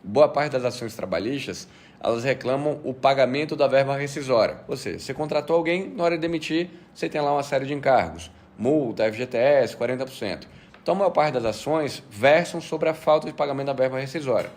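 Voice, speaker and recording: A man from Bahia, a slightly hoarse guest on a podcast, explaining finance step by step. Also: mid-range voice, fast, a little mellow. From Bahia, Brazil. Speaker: guest, fintech manager.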